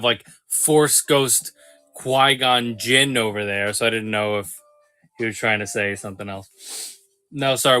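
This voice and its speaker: Laid-back man selling toys on a stream. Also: medium pitch. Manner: relaxed, joking, laughs often. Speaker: live-stream toy seller. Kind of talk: casual live-stream chat.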